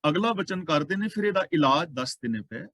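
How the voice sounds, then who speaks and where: A man expounds sacred verses in a slightly high voice. He first recites each line slowly, then explains its meaning in a calm teaching tone. The recording is close and dry, with no room sound. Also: no echo, low-quality recording. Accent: Punjabi. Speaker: Sikh scripture teacher.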